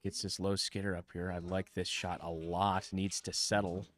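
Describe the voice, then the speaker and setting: A low-voiced man works as a golf commentator, calling shots one by one. He talks in measured play-by-play phrases, leaning on the jargon of the course. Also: level tone.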